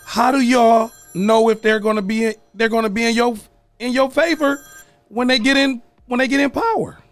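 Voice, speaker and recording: A man's voice: extremely high pitch, steady tone, moderate pace, no room sound. A man hosting a morning radio show in casual chat, joking and laughing with a caller.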